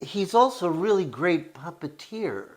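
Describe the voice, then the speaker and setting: A man's voice: high voice, very animated, unhurried. A middle-aged man chatting and reminiscing casually as a show's co-host.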